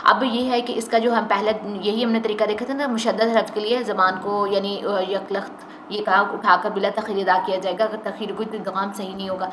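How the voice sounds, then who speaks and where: A woman teaching a Quran recitation lesson, explaining the rules and slowly modelling the recited words again and again. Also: medium pitch, little pitch movement. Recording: echoey room with faint noise.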